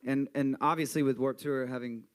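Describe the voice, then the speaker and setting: A male band member answering interview questions in a relaxed, rambling way with many fillers. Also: medium pitch, brisk, smooth. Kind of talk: casual interview chat.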